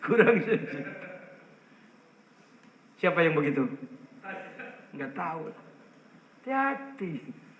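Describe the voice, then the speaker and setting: A man's voice: fairly high pitch, very animated, slow, pauses often, a bit bright, echoey room, low-quality recording. A man preaching a sermon to a gathering, joking and putting questions to the audience.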